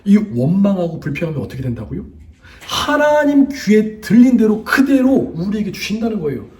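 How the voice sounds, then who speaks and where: A man's voice: high voice, sing-song, moderate pace, warm tone, distant mic. A male pastor preaching a sermon with emphatic rhetorical questions and repeated phrases, in a church.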